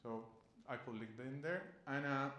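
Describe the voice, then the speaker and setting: A man's voice: mid-range voice, moderate pace, sharp tone. A man from Chile, giving an earnest conference presentation in loose, restarting phrasing. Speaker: conference speaker. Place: conference room. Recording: echoey conference room.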